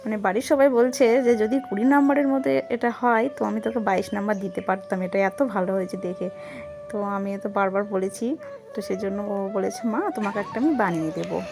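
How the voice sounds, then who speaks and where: A woman's voice: medium pitch, steady tone, fairly quick, gravelly. A woman, a mother chatting to her viewers in a casual family vlog at home. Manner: chatty, addresses viewers directly. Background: background music.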